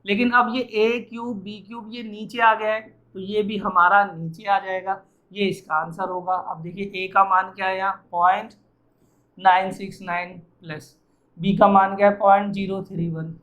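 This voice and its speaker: A man's voice: high voice, flat delivery, normal speed, fairly bright tone, dull audio. A man teaching arithmetic who asks and answers his own questions as he works through each problem, sounding tired. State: tired and sweaty. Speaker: math teacher. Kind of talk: explaining math problems while writing.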